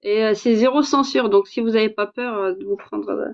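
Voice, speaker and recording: The audio is dull as a Parisian-accented woman from France, an author who hosts livestreams, speaks briskly in a mid-range voice. Her casual stream talk is outspoken but hesitant, packed with fillers.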